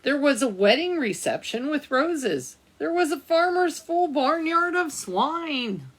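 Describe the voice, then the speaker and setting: A woman with a high voice reads a picture book for storytime, sounding very animated and going a little slowly. As a librarian reading to young listeners, she sprinkles in questions and asides for them.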